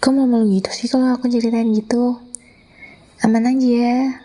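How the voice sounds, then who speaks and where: A woman with an Indonesian accent playing an affectionate, teasing wife in an ASMR role-play, intimate and soothing, soft and breathy as she coaxes a listener to sleep. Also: a little high, flat delivery, moderate pace, close to an everyday voice. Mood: playful teasing. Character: affectionate teasing young wife telling bedtime stories.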